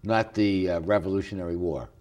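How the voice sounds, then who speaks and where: Relaxed low-voiced male host. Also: fairly quick. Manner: relaxed, folksy, hesitant with fillers. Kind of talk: casual interview chat.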